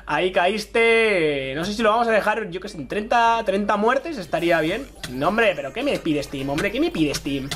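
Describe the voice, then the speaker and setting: A young man with a Spain Spanish accent giving excitable, chatty live commentary on a Minecraft PvP match and taunting opponents. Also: sits high, moderate pace, few pauses. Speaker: gaming YouTuber.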